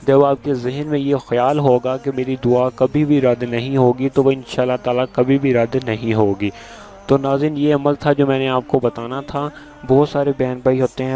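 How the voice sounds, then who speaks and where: A man patiently giving step-by-step religious instructions to viewers, repeating each step and reciting prayers slowly. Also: mid-range voice, dark tone. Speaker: religious video host.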